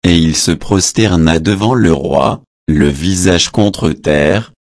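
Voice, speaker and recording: A man reading scripture aloud in a measured, solemn way, announcing verse numbers and adding short translation notes. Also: low-pitched, no room sound, studio quality. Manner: adds short translation notes between passages.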